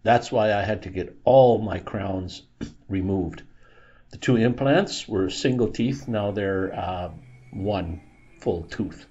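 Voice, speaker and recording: A man's voice: on the low side, takes it slowly, dark tone, slightly rough, highs cut off. A man in his sixties narrating a casual vlog in a dental clinic, chatty and plain-spoken, laughing at himself. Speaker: vlogger.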